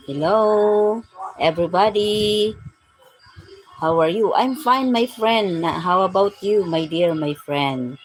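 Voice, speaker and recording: Slow, low-voiced Filipino woman in her forties. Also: low-quality recording. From Philippines. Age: 40s. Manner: greets viewers warmly, repeating "my dear, my friend". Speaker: live-stream vlogger. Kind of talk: casual live-stream chat with viewers.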